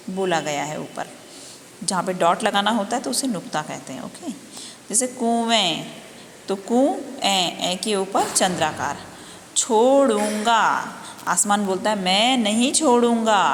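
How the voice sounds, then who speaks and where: A woman teaching a Hindi lesson to young children, patiently spelling out and repeating each word. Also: mid-range voice. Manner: slow, patient, spelling words out and repeating them. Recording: echoey room, faint background noise.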